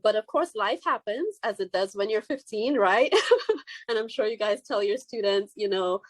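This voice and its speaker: A woman in her thirties from Trinidad and Tobago, the founder of a skincare line, talking casually and warmly to a live audience with frequent restarts. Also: medium pitch, no room sound. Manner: friendly, chatty, with frequent restarts. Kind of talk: casual live-stream talk. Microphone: laptop.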